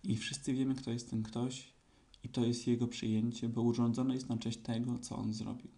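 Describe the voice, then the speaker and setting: A man's voice: mid-range voice, flat delivery, moderate pace, creaky, warm tone, natural voice. A man voicing a kind, earnest young boy in a storybook reading.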